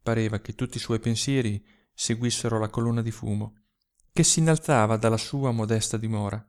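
A man narrating a literary short story aloud, reading expressively and dramatically with slow, emphatic pauses. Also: lowish voice, fairly even intonation, darkish tone, smooth. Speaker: audiobook narrator.

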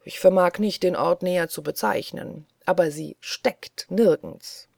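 A woman reading as an elderly gentle colonel. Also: lowish voice, a little slow, creaky, no room sound, clean studio sound. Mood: earnest. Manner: earnest, softly pleading, dreamy. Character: elderly male British colonel, gentle, fussy.

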